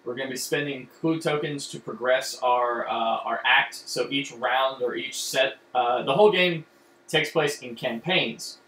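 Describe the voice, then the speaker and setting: Here a man casually walks through a card game on a home stream, rambling and restarting with many fillers. His pitch is medium, his pace a little slow, and his tone sharp, recorded in an echoey room with a faint hum.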